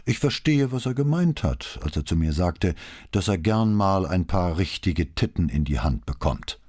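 A man voicing a calm, coolly polite middle-aged police commissioner who wounds on purpose, in an audiobook. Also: low-pitched, moderate pace, no echo, studio quality, pitched above the performer's own voice. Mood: mocking.

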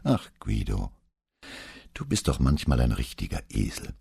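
A man voicing a frank, sharp-tongued middle-aged wife in an audiobook, talking bluntly and earnestly. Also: very deep voice, very animated, measured pace, creaky, breathy edge, no echo, studio quality, voice pushed down, heavily acted.

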